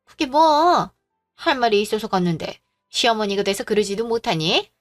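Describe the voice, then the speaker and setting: A woman's voice: mid-range voice, animated, moderate pace, soft background music, close to an everyday voice. A woman voicing a greedy, domineering middle-aged mother-in-law who scolds and makes demands, in a drama. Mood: scornful. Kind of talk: Korean audio drama acting.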